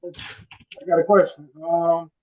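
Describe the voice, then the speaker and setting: A man's voice: a little high, level tone, mellow, roomy sound. A hesitant man speaking with his phone held away from his mouth, so he comes through faint and distant on a muffled line. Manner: hesitant, halting, full of fillers. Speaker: defendant in a remote court hearing. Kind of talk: answering a judge by phone.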